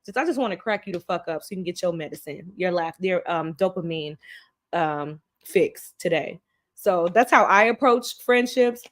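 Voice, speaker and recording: Female stream host, candid and profane, quick to laugh. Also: lowish voice. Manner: blunt and profane, laughs often, slips into acted quotes. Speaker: live stream show host. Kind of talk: candid casual chat.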